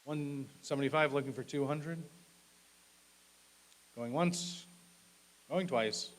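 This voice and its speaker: Taking it slowly, a man auctioneering at a live auction announces lots and bids in short, clipped, repetitive phrases, with polite asides and thanks. His voice is mid-range, and the poor audio has a clearly audible background hiss.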